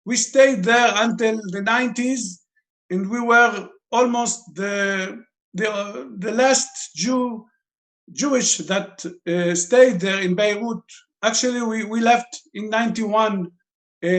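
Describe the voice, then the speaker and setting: A man's voice: sits high, slow, fairly bright tone. A man in his fifties from Lebanon, speaking English as an interview guest, searching for words and breaking his grammar. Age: 50s. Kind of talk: interview answers.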